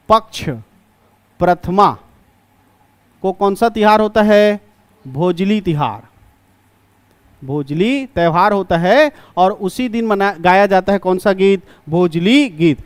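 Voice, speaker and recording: A male coaching class teacher, giving an exam-prep lecture. He asks a question, answers it himself, and repeats key terms slowly. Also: sits high, clear, resonant tone, dry recording.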